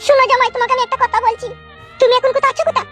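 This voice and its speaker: A woman's voice: very high-pitched, little pitch movement, very fast, fairly bright tone, faint music behind, voice pushed up. A woman voicing a worried village mother-in-law who gives anxious warnings in a comedy skit.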